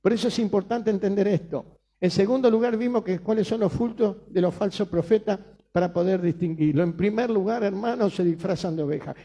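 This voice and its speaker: A man's voice: high-pitched, a little fast, mellow. A man with a Rioplatense Spanish accent preaching a sermon as pastor, emphatic, repeating phrases and asking rhetorical questions.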